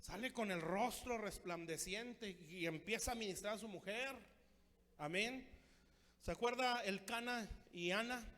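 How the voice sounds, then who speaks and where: Guy pastor preaching, high voice, keeps going "¿sí?", long echo off the church walls. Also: sharp tone. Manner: preachy, keeps asking "¿sí?" for agreement; shifts between quick bursts and slow emphasis. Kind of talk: sermon at a marriage workshop. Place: church hall. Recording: long hall reverb.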